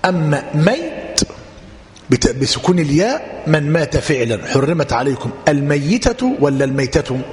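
A man teaching a religious text, repeating points slowly and quizzing his listeners. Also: medium pitch, expressive. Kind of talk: lecture explaining a text. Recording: echoey hall.

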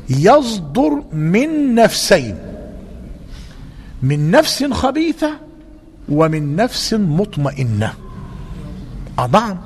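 A man with an Egyptian Arabic accent teaching a religious lesson and answering questions, emphatic and repeating key points. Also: on the high side. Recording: reverberant hall, faint noise.

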